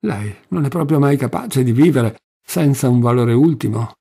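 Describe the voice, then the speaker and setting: A man reading the part of an ironic, calm man in a debate, with a gravelly voice. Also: mid-range voice, normal speed. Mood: calm wry. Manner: calm, wry. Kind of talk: audiobook reading.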